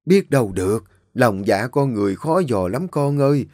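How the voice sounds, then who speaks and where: A man's voice: medium pitch, lively intonation, warm tone, dry recording, studio quality. A man voicing a shrewd, suspicious elderly woman. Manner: slow, probing, stammering when shocked.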